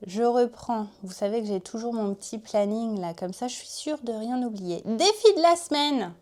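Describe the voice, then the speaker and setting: A woman's voice: fairly high pitch, moderate pace, mellow. A woman hosting a knitting podcast, talking casually and chattily to her viewers, often laughing at herself. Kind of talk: casual chat to camera.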